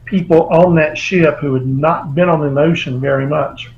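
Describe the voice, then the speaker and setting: A man's voice: a little high, steady tone, moderate pace, a little mellow, lo-fi sound. A man, an author being interviewed over a video call, telling long rambling anecdotes. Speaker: author guest. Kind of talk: remote interview.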